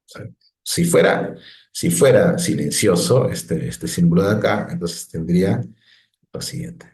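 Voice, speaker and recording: Low, mellow-voiced male teacher. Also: animated, unhurried, echoey room. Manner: patient, explanatory, frequent "¿no?" checks and restarts. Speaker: Biblical Hebrew teacher. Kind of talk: online lesson explaining on a screen.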